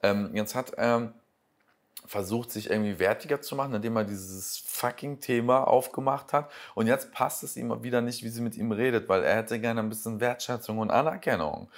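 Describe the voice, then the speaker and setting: A man's voice: medium pitch, normal speed. A man giving casual reaction commentary, sarcastic and exasperated, rambling as he picks apart what he watches.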